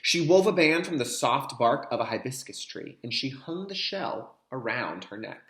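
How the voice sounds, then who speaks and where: The room echoes as a male kindergarten teacher reads aloud from a picture book at a normal speed. His medium-pitched voice is sing-song and a bit bright, and he talks straight to the young listeners, explaining as he goes and repeating key terms.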